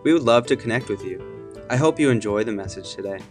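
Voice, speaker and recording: A man with a medium-pitched voice gives a scripted podcast introduction in the role of host. Plucked guitar music plays clearly behind him. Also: expressive, quick pace. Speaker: podcast host, church staff member.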